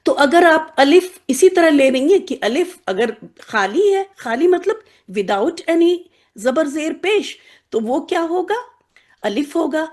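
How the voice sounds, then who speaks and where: Her voice notably high and darkish with lively intonation, a teacher walks her class through Arabic letters, patiently explaining, making the letters into playful little characters and repeatedly checking that students are keeping up.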